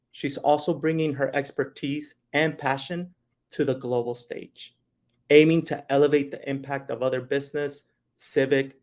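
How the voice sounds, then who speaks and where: A man's voice: fairly high pitch, a little mellow. A man hosting a livestream interview, enthusiastic and slipping in the odd Spanish phrase. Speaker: host.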